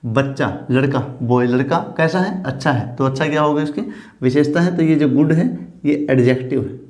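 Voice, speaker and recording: A man's voice: mid-range voice, moderate pace, darkish tone. A male English teacher giving a classroom grammar lesson, spelling out words letter by letter and often checking in with "theek hai". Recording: echoey room.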